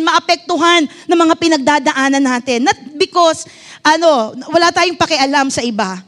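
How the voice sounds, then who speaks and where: Casting: middle-aged Filipino woman pastor, very high voice, fervent preaching style, keeps asking the congregation questions. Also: fairly bright tone. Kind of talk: sermon.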